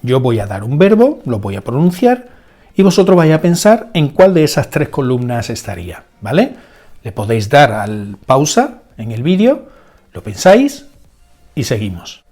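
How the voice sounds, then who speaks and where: A man teaching a spoken language lesson, going slowly and deliberately, repeating each example word and checking in with rhetorical questions. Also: medium pitch, big pitch swings, warm tone. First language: Spanish. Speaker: English teacher.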